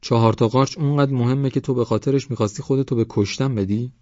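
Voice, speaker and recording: A man's voice: medium pitch, steady tone, darkish tone, no echo, dull audio, pitched above the performer's own voice, close to an everyday voice. A man voicing a blunt old shepherd who scolds a careless young man in a raised voice. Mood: scolding.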